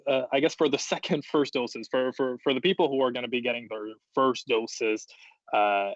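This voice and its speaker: A man's voice: medium pitch, steady tone, moderate pace, dry recording. A man, a reporter on a remote call at a press briefing, asking a question hesitantly while his connection keeps cutting out. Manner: hesitant, restarts phrases. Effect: bad connection, voice cutting out. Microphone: remote call line. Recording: dull lo-fi dry call audio.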